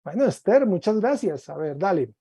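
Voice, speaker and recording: A man's voice: high voice, very animated, moderate pace, warm tone, husky, no room sound, studio quality. A man teaching a Greek class online, patiently drilling word forms and encouraging his students.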